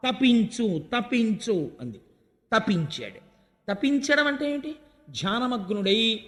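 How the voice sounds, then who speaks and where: Brief: high-pitched male preacher, lively storytelling discourse, long hall reverb. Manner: animated storyteller, voicing characters' lines. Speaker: religious discourse speaker. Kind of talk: Telugu religious discourse, storytelling.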